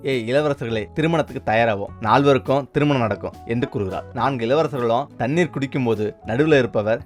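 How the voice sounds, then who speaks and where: A man narrating a folk story and voicing all its characters in his own steady voice. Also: mid-range voice. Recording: faint music underneath.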